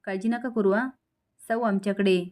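A kindly wealthy older man speaks calmly and courteously, as a woman narrator reads him. His lines come at an ordinary mid pitch. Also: normal speed, close to an everyday voice. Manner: calm, courteous.

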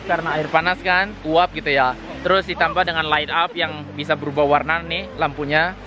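A young adult man hosts a casual travel vlog outdoors at night in a hot spring town, exclaiming enthusiastically into a handheld camera held at arm's length. His voice is a little high, with fairly even intonation and normal speed. The audio is dull, with crowd noise around him.

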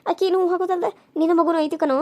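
A woman doing a high-pitched, pleading village elder. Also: steady tone, rapid-fire, dark tone. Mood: urgent.

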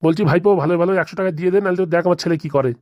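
A cartoon father, voiced by a woman who haggles hard and scolds sharply. The voice sits lowish and the words come out rapid-fire. The sound is dry and close. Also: darkish tone, no room sound, lo-fi sound, lightly acted. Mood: haggling. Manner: bargaining, scolding. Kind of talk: cartoon voice acting.

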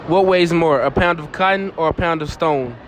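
A young man with a fairly high voice stops strangers in a shopping mall for a casual street interview, speaking at a moderate pace over a noisy background. He repeats their answers back to them and laughs often, recording on a handheld phone.

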